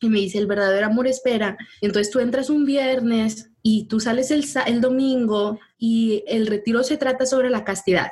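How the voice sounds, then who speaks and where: A woman telling her personal faith testimony in casual conversation, animated and quick to laugh as she acts out what people said. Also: a little high, slightly rough. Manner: animated storytelling, laughs often, acts out dialogue.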